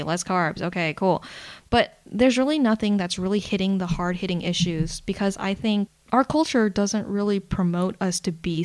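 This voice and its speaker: Outspoken woman hosting a candid podcast. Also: lowish voice. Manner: candid, outspoken, swears freely; mixes fillers like "you know" and "like" into fast talk. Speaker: podcast host. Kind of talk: solo podcast intro monologue.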